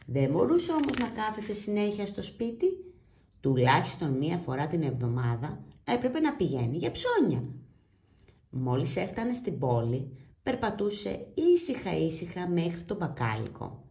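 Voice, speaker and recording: A woman reading a children's storybook aloud in an animated, expressive way. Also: lowish voice. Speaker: storybook reader. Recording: roomy echo.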